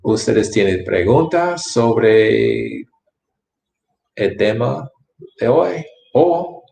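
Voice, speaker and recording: Slow, careful male English teacher. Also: medium pitch, animated, creaky, darkish tone. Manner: slow, deliberate enunciation, repeating words. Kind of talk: bilingual language lesson. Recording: echoey room.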